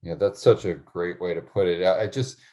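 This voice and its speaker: A man hosting a casual interview, speaking in an earnest, animated and agreeable way. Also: low voice, brisk. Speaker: interview host.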